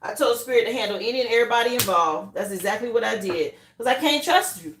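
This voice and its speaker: A woman's voice: on the high side, lively intonation, fast talker, fairly bright tone, roomy sound, slight background noise. A woman giving a live tarot reading, talking straight to her viewers with emphatic, repeated reassurances. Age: adult, mother of children. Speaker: tarot reader.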